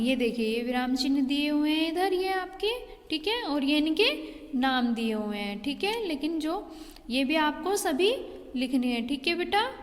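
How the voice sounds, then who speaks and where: Patient woman teacher for a kids' class, high voice, recorded in a reverberant room. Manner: patient, repeats "ठीक है" and "बेटा" to pupils. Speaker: school teacher. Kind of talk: online Hindi class lesson. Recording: long hall reverb.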